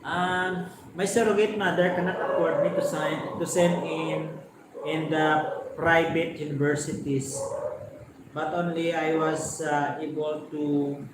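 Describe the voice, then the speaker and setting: Slow-talking Filipino man in an echoey room. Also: fairly high pitch, level tone. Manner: unhurried, reflective storytelling in English. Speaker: host. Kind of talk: casual chat. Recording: very echoey room with faint background noise.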